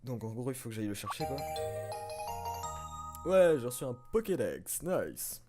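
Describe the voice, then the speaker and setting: A man's voice: medium pitch, sing-song, normal speed, over music. A man giving casual, self-mocking commentary while playing a video game, swearing and chuckling now and then. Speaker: let's play host.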